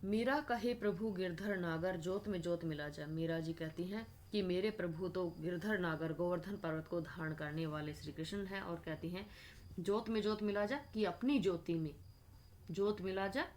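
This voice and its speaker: A woman's voice: lowish voice, darkish tone, slight background noise. A woman teacher reciting devotional verses line by line, then explaining each word in a patient lecture. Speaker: Hindi literature teacher. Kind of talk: line-by-line poetry explanation lesson.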